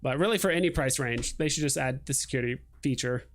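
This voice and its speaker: A man's voice: mid-range voice, fast talker, faint music behind. A young man hosting a casual livestream, talking in a loose, rambling way with lots of "like" and "um". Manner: rambling, relaxed, lots of fillers like "like" and "um". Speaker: livestream host.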